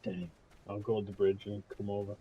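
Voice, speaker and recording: A man's voice: fairly low pitch, completely flat delivery, brisk, slightly rough, dry recording, phone-quality sound. A man chatting casually during a co-op game, given to mild mock-swearing. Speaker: gamer in a co-op let's play. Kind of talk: casual gaming chat.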